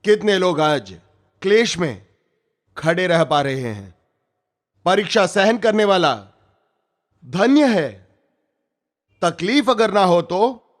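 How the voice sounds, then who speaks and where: A man's voice: sits high, a bit bright. A middle-aged man preaching a sermon, telling a story with drama and acting out the voices he quotes.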